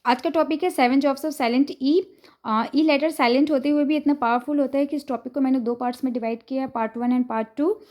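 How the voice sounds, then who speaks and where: High-voiced Indian woman teaching phonics. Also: steady tone, fairly quick, darkish tone. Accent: Indian English. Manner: patient, repeats "ठीक है" to check understanding. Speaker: teacher and channel host. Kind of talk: explaining phonics lesson to parents.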